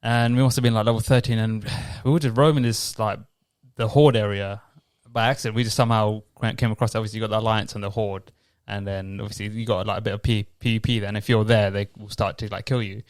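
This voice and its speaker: A man's voice: fairly low pitch, fairly even intonation, fast, hardly any pauses, no room sound, studio quality. A man chatting casually as a podcast co-host, laughing often and rambling with fillers. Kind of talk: casual chat.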